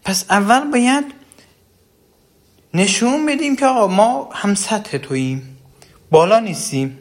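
Male speaker with a somewhat high voice, earnest teacher of parents, explains patiently with examples. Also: expressive. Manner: earnest, explains with everyday examples and direct address. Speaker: parenting educator. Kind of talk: explanatory talk.

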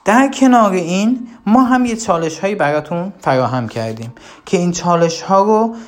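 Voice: mid-range voice, lively intonation. A parenting coach giving a recorded course lesson, speaking directly to parents with firm instructions and rhetorical questions.

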